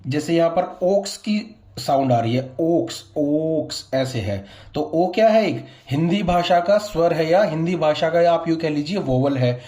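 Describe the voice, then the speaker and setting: A male English grammar teacher who explains an exercise, asks questions and answers them himself, and reads the example sentences slowly, word by word. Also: on the high side, animated, mellow. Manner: addresses viewers as guys. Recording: echoey room.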